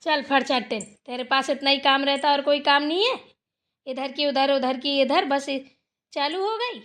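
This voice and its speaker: A woman voicing a bossy, sharp-tongued older village mother-in-law in a cartoon, talking in a loud, scolding way. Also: high voice, moderate pace. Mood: dismissive. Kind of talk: cartoon voice acting.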